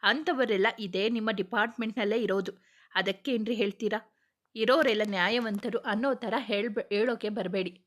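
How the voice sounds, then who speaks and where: A woman's voice: medium pitch, normal speed, close to an everyday voice. A woman reading the part of a worried young wife who pleads and argues emotionally. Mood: pleading.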